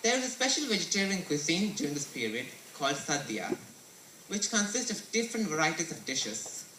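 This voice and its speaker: A teenage boy from India gives an earnest school presentation, reciting it like a story. His voice is fairly high and bright with big pitch swings, pushed and a little fast. The mic sits at a distance in a roomy, echoing space with slight background noise.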